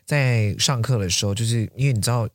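A man's voice: medium pitch, fast, no room sound, clean studio sound. A man, co-hosting a casual podcast, listening closely and chiming in with reactions. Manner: attentive listener who chimes in with reactions. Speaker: podcast co-host. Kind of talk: casual chat.

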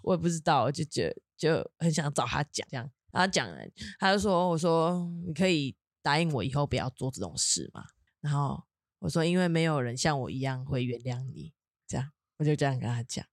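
Lively woman telling a story. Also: brisk, dry recording, clean studio sound. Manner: animated, swings into high laughing bursts when upset. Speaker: podcast co-host. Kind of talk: casual storytelling chat.

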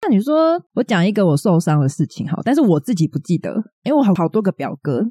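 A woman, co-hosting a podcast and telling a childhood story in casual, animated chat with frequent laughter. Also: lowish voice, quick pace, slightly rough, dry recording, studio quality. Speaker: podcast co-host.

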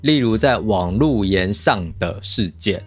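A man co-hosts a relaxed chat, prompting his partner with questions and quick reactions. His pitch swings widely as he talks. Faint music sits under the conversation. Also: husky. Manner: asks questions, reacts with short replies and laughs. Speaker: podcast co-host. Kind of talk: casual chat.

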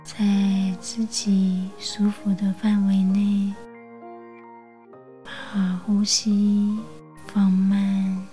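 A woman narrating a guided bedtime relaxation like a sleep story narrator, in a soothing, hushed, breathy near-whisper with long pauses. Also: medium pitch, monotone, faint music behind. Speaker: host of a bedtime relaxation show.

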